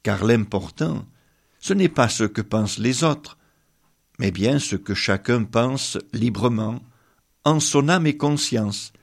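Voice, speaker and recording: A man preaching a sermon and reading Bible passages aloud, speaking in a measured way and turning to address the listener directly. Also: mid-range voice, expressive, creaky.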